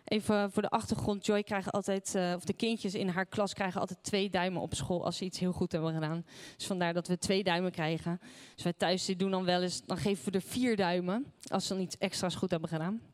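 A woman's voice: fairly low pitch, fairly even intonation, fairly quick, hardly any pauses, darkish tone. A woman preaching a sermon, telling a personal story and asking the listeners questions along the way.

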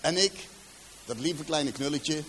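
A man's voice: fairly high pitch, measured pace, a bit bright, slight background noise. A man from Rotterdam with a Rotterdam accent, giving a personal testimony to a live audience and acting out the dialogue as he tells it. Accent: Rotterdam Dutch. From Rotterdam, Netherlands. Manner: vivid storyteller who acts out dialogue and addresses the audience directly. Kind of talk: personal life story told to a live audience. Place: in front of a seated audience.

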